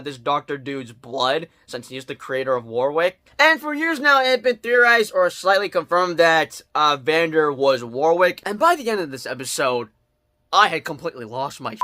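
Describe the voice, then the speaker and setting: Young male reviewer, bright forceful tone, animated pitch, rambling and excitable. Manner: excitable, rambling, bursts into yelling. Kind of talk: casual video review.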